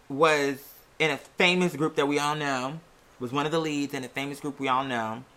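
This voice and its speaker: This mid-range voice belongs to a bright, theatrical podcast host who also makes music. She chats sassily through a casual monologue aimed at listeners, addressing them as "girl" and "y'all."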